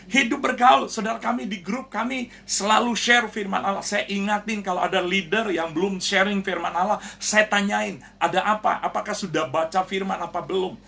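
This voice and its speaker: A man's voice: high voice, steady tone, normal speed, gravelly, hardly any pauses, sharp tone. A man pastor preaching a sermon to his congregation, earnest and direct, often calling listeners "brothers and sisters" and acting out the voices in his stories. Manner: earnest preaching, addresses listeners as "saudara", acts out quoted voices. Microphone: online prayer broadcast.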